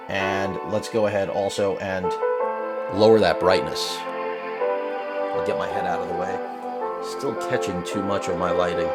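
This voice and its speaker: A middle-aged man reviewing a laptop in his home studio, talking casually and wandering off on sarcastic tangents. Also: sits low. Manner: rambling, digressive, sarcastic asides. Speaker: tech reviewer. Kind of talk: casual unboxing commentary.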